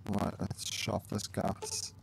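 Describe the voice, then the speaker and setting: A man's voice: deep voice, monotone, takes it slowly, gravelly, a little hiss or hum, low-quality recording. A man hosting a let's play, chatting casually to viewers and reading his dialogue choices aloud. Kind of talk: casual gameplay commentary.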